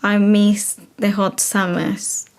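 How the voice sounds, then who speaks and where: Calm woman. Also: mid-range voice, slow. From Chile. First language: Spanish. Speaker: interviewee. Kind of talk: interview answers.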